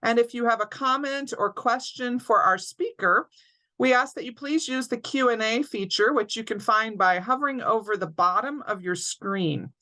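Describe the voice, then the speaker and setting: A woman hosting an online alumni webinar, reading an orderly, clear introduction over a video call. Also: a little high, moderate pace, bright, forceful tone, rough recording. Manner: clear, orderly housekeeping announcements. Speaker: alumni director, interview host. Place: home or office, online webinar.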